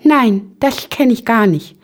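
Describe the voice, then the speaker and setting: Woman playing a tiny servant boy, high piping chirp, very polite, eager, swooping pitch, storybook. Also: very animated, measured pace, darkish tone. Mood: puzzled.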